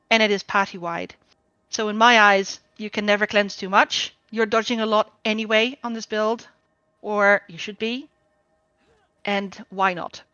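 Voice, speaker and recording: A woman runs a training session over group voice chat and explains each choice step by step, filling pauses with ums. Her voice is of middling pitch and comes through a dull, lo-fi mic with no room sound. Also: bright, forceful tone, no room sound. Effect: group voice chat audio. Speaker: guild trainer. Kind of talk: game build tutorial.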